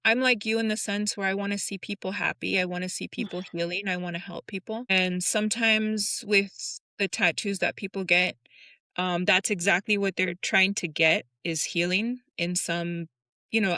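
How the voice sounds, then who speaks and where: A tattoo artist in her thirties, a guest in a casual interview, talks openly and personally, rambling and restarting her thoughts. Her mid-range voice has a sharp tone, recorded with no room sound.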